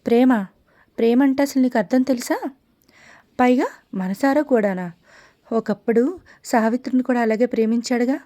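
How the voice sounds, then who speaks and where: A woman's voice: a little high, moderate pace, pauses often, mellow, close to an everyday voice. A woman voicing a weak, ailing elder sister in an audiobook story, speaking in a tired, sardonic, questioning way. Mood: skeptical.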